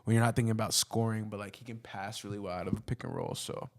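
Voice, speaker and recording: A man's voice: on the low side, little pitch movement, fast. A man hosting a sports podcast, giving his opinions in casual, conversational, slangy talk.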